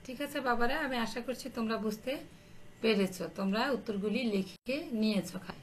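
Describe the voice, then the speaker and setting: A woman teacher with a fairly high voice dictates answers to a primary class, slowly and patiently, repeating each point. A faint hiss of background noise sits under her voice. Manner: slow, repetitive dictation, addresses pupils affectionately.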